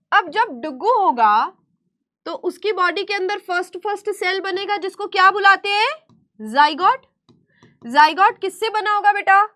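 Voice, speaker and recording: A woman teacher giving an online class lecture, speaking slowly and deliberately, asking questions and answering them herself in a coaxing way. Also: extremely high pitch, pushed and bright.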